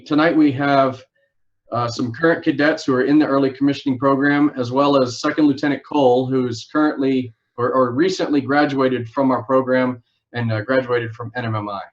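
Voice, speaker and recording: A man working as a recruiting officer, hosting a live information session in a formal, orderly way with frequent filler pauses. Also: medium pitch, steady tone, dull audio. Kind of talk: formal livestream presentation.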